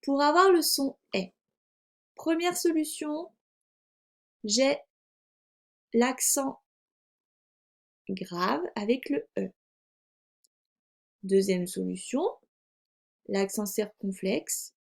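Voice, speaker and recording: A woman teacher giving a recorded phonics lesson to young children, articulating slowly and carefully. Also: on the high side, expressive, vocal fry. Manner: slow, careful, over-articulated delivery. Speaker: primary school teacher.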